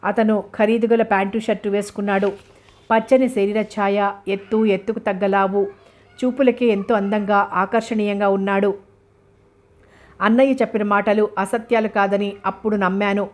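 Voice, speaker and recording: A woman narrating a novel in a steady, even reading manner. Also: mid-range voice, normal speed.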